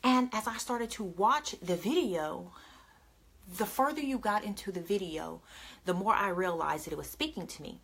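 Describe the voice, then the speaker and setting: A woman's voice: mid-range voice, animated, moderate pace, creaky, a bit bright, slightly rough. Earnest chatty woman giving a motivational talk. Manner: earnest, chatty, addresses listeners as "y'all". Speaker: motivational speaker. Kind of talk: direct-to-camera motivational talk.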